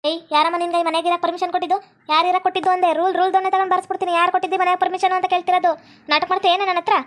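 A woman with a North Karnataka Kannada accent playing a stern police officer who scolds and threatens in a rapid way. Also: very high-pitched, little pitch movement. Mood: scolding.

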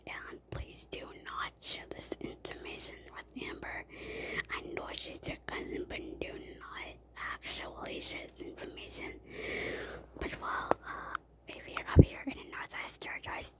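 A young woman whispering through a rambling, casual vlog, pausing often with fillers. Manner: rambling, halting with many fillers. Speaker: vlogger.

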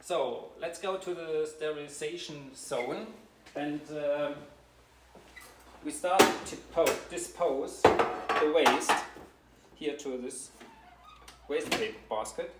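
A dentist with a somewhat high voice gives a walking tour of his clinic's treatment and sterilization room, explaining as he goes. He speaks slowly and haltingly, full of fillers and restarts. A camera mic a few steps away picks him up, so the sound is roomy and distant, with clear background noise.

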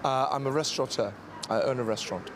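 A man in his thirties from England, giving relaxed, plain interview answers. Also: mid-range voice, fast talker, background noise. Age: 30s.

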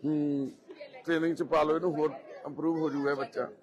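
A man with a Punjabi accent, gently reassuring visitors at a charity and giving them firm advice. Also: on the high side, flat delivery, a little fast. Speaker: head of a charity society, meeting visitors. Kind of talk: casual, comforting talk with visitors. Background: crowd chatter.

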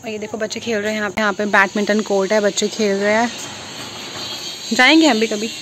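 A young woman vlogging, chatting casually and quickly to her viewers. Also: medium pitch, fairly even intonation, background noise. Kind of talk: casual chat.

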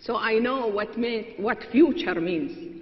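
A woman's voice: fairly high pitch, slow pace. Brief: older woman panelist, didactic with chuckles, roomy echoing studio hall. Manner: lecturing, laughing asides. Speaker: debate panelist, planner. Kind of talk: televised debate argument. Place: TV studio stage, large hall. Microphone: lapel mic. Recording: roomy, dull hall recording.

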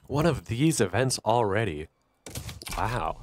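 A man's voice: fairly low pitch, very animated, slow pace, a little hiss or hum. A man with a stuffy, nasal voice from allergies, giving casual, wry commentary while playing a strategy game. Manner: chatty and wry, thinking aloud while playing. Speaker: gaming channel host.

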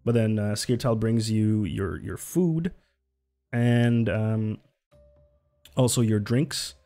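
A man playing a nervous, caring innkeeper who speaks in broken, halting English with many hesitations. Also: on the low side, dark tone, soft background music. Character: nervous caring male innkeeper from a freed people, broken grammar.

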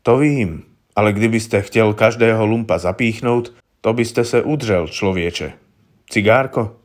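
A man reading aloud, voicing a shrewd older police inspector who speaks calmly with dry irony. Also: lowish voice, close to an everyday voice. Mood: ironic.

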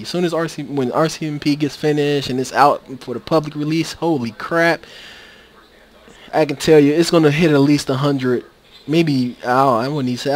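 A man giving casual, rambling gameplay commentary into a USB microphone, with many fillers and restarts. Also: a little high. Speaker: video game commentator. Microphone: USB microphone that cuts out.

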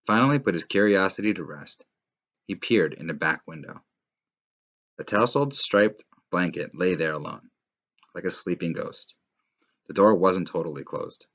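A teacher reading a novel aloud in a steady storytelling manner, with occasional slips and restarts. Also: male voice, sits low.

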